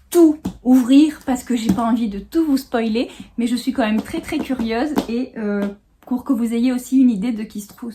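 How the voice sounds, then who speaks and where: A chatty woman in her thirties with a slightly high voice talks loosely and giggles often, full of little fillers. She sits on a small sofa in her home office and speaks to the camera. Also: noisy background. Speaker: vlogger. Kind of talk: casual unboxing chat.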